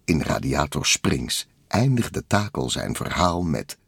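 A man narrating a children's storybook in a lively, expressive way. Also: rumbling low, takes it slowly, creaky, slightly rough, dry recording. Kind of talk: storybook read-aloud narration.

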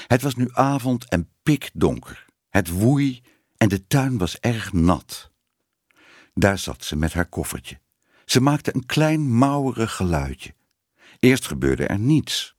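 A man reading a children's story aloud with an expressive, lingering storyteller delivery. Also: on the low side, slow pace, no room sound, clean studio sound. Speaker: audiobook narrator.

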